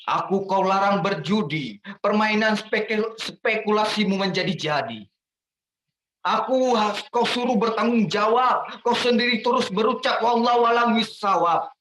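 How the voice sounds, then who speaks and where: A man reciting a protest poem dramatically, rising to shouts on the refrains. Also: sits high, expressive, measured pace. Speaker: guest poetry reader. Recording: echoey room with faint noise.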